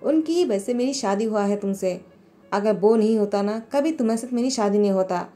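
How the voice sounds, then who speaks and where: A woman's voice: medium pitch, fairly quick, dark tone, soft background music, close to an everyday voice. A woman voicing a short-tempered young husband who grumbles and scolds. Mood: irritated. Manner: irritated, scolding.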